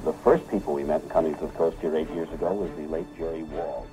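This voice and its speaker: A man's voice: a bass voice, steady tone, fast, rough recording. A man hosting an old radio show, chatty and hesitant with many fillers, interviewing a guest. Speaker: radio host. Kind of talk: archival radio interview and chat. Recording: old archival radio tape with music behind.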